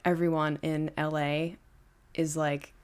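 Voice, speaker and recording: A young woman co-hosting a podcast in casual chat, animated and giggly, often restarting her sentences. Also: deep voice, takes it slowly, clean tone. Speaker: podcast co-host.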